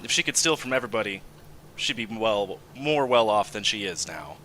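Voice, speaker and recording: A man plays his character in a tabletop game, pressing questions with a wry edge. His voice is bright and animated, with faint noise underneath. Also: on the low side, moderate pace. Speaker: player.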